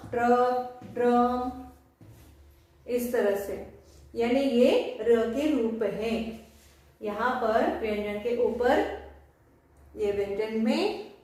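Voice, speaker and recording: A high-pitched woman teaches a spelling lesson at a slow, patient pace, breaking words into single sounds. She sits back from the mic, and her voice rings around a very echoey room. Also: a little mellow, far from the mic. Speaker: school teacher. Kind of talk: online Hindi spelling lesson.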